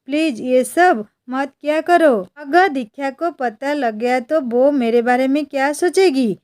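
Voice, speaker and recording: A woman's voice: sits high, unhurried, darkish tone. A woman playing a shy, nervous young husband. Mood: uneasy. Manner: hesitant and nervous. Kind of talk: storybook dialogue reading.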